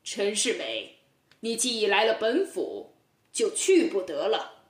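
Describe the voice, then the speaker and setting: A stern, upright old judge, as a woman storyteller puts him on, firm and commanding in a children's storybook telling. The voice moves with lively rises and falls, unhurried, and sounds roomy and a little off-mic. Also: very high-pitched, far from the mic, heavily acted.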